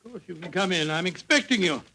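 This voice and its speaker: An actor playing a genial elderly English doctor in a radio drama, avuncular and blustering, with a British accent. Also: male voice, high-pitched, animated, fast, pushed and bright, exaggerated voice, low-quality recording. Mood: genial, jovial. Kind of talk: 1940s radio acting.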